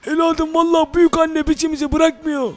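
A man's voice: very high-pitched, flat delivery, a little fast, soft background music, voice pushed up. A man voicing a kindly older male shopkeeper who calls the young hero "son" in a fatherly way. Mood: fatherly worried.

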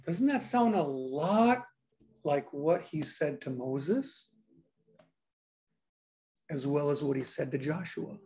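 A woman's voice: low voice, animated, slow, pauses often, dark tone, slightly rough. A woman pastor giving a sermon, reading scripture aloud and repeating key lines for emphasis.

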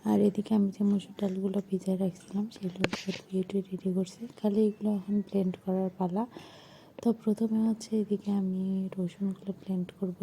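A young woman narrating her home vlog in a soft, hushed voice-over. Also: medium pitch, slight background noise. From Bangladesh. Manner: soft, hushed talk so a sleeping child stays asleep. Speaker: vlogger.

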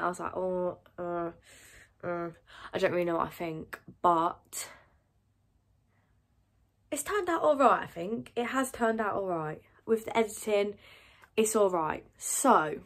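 A young woman vlogging casually at home, chatty and rambling, poking fun at herself and dropping into soft whispery asides. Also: mid-range voice. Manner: chatty, rambling, self-mocking. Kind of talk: casual vlog chat.

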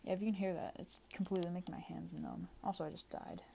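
A woman's voice: fairly low pitch, steady tone, fast, creaky, dark tone, a little hiss or hum. A woman doing casual gameplay commentary at home, always sounding tired, offhand and rambling. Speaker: gaming channel creator. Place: home room. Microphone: desk microphone.

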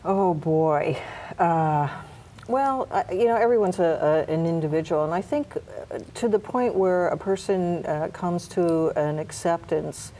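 A middle-aged woman speaks as a hospice nurse being interviewed. Her voice is low and warm, with soft, halting phrasing that searches for words. A faint noise sits behind her in the studio recording. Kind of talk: interview answers. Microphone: lapel mic.

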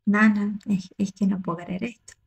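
A woman with a gravelly, creaky voice talks through a performance as a choreographer reacting casually. She gets excited, repeats words and keeps restarting her sentences. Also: medium pitch, normal speed. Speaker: choreographer and dance teacher reacting to videos.

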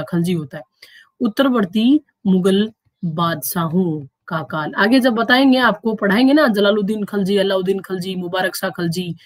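A woman teaching an exam-prep history class, recorded close and dry with no room sound. She keeps asking her students rhetorical questions and answering them herself. Her pitch lifts on each question, and she slows right down to stress the key terms. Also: no room sound.

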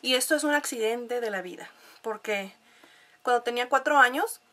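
A woman's voice: on the high side, normal speed, bright, forceful tone. A young Mexican woman with a nasal voice, chatting casually to camera at home, laughing often and using lots of fillers. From La Paz, Mexico. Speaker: vlogger.

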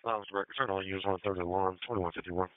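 A man's voice: sits low, fairly even intonation, fast talker. A man working as a dispatcher, making formal, procedural announcements over a crackly emergency radio. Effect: crackly two-way radio. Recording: phone-like crackly radio scanner audio.

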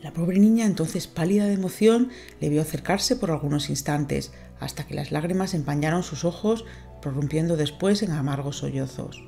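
A woman narrating an audiobook, reading a novel in a measured, expressive way. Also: deep voice, vocal fry, faint music behind.

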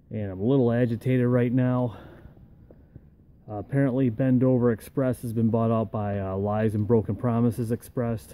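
A man in his forties with a warm, mid-range voice vlogs casually from his truck cab, wry and grumbling and tired after a long shift as a driver. The camera is held at arm's length, and there's a little hiss or hum.

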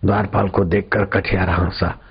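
A man giving a sermon, telling a religious story in slow, drawn-out phrases with dramatic pauses. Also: low-pitched, little pitch movement. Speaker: spiritual preacher. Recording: dull lo-fi recording, faint background noise.

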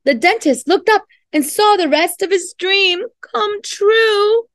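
A middle-aged woman with a very high, fairly bright voice reads a picture book aloud slowly and expressively to children in a classroom, with no echo. She pauses to explain things and to ask her listeners questions.

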